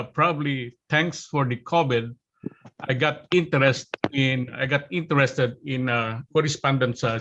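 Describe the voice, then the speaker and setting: A man's voice: medium pitch, fairly bright tone, a little hiss or hum. A man from the Philippines introducing himself on a video call, hesitant, with many fillers. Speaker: national chess delegate. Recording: dull lo-fi call audio.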